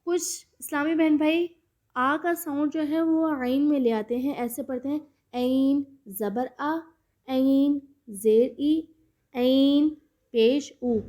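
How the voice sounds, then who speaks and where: A woman with a Pakistani Urdu accent and a voice that sits high teaches Quran recitation in an online lesson. She patiently drills each syllable slowly, saying it again and again.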